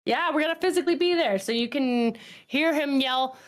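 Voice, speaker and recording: A woman's voice: sits high, fairly quick. A woman co-streaming, chatting casually, teasing her partner and addressing her viewers. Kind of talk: casual livestream chat.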